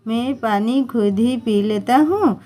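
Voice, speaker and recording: Storybook role: kindly father-in-law, as a woman reads him, calm and gentle, unhurried. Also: fairly high pitch. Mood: patient. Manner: gentle, patient.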